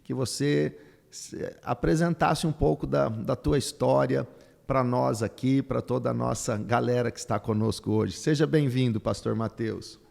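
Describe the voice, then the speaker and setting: An older man, a pastor hosting a podcast, who opens with a slow, solemn prayer and welcomes his guest. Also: medium pitch, steady tone, gravelly, darkish tone, in a large hall.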